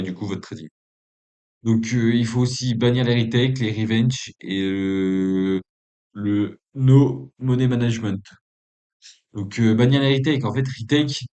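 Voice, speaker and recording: A man's voice: fairly low pitch, darkish tone. A man giving a casual trading lesson. He speaks in an informal, hesitant way with many fillers, and he has a non-native French accent. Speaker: trading coach.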